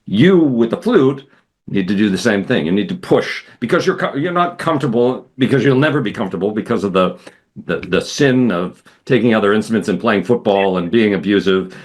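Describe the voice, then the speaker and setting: A man hosting a music interview, talking in a playful, expressive way and drifting into little voices and analogies. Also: on the low side, brisk. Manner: expressive, playful, breaks into impressions. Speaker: interview host. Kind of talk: casual interview conversation.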